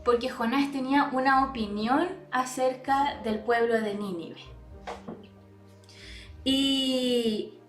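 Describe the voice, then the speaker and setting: A woman's voice: sits high, steady tone, takes it slowly, long pauses, echoey room, soft background music. A woman preaching a sermon, reading out comments and Bible verses, often checking in with the listeners. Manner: reads out online comments and Bible verses, asks "¿cierto?" often.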